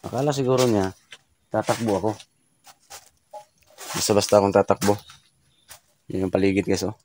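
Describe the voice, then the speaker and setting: A man's voice: fairly low pitch, moderate pace, darkish tone, slight background noise. A man vlogging a paranormal investigation in a remote hut, reacting with startled exclamations and speaking directly to an unseen spirit. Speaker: ghost-hunting vlogger.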